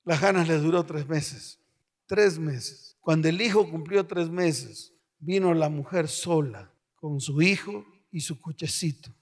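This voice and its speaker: A male pastor preaching a sermon, calling on the congregation to answer aloud and swinging between shouts and hushed storytelling. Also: a little high, measured pace. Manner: call-and-response, urging the congregation to answer aloud. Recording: long hall reverb.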